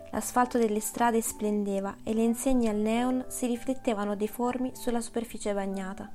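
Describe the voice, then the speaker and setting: A woman reads a storybook aloud in a steady, measured narration. Soft music sits faintly behind her voice. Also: on the high side. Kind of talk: audiobook narration.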